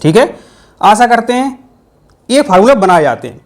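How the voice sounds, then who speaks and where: A man's voice: high-pitched, sing-song, moderate pace. A man teaching a physics exam-prep lesson, playful and full of repeated mnemonics. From India.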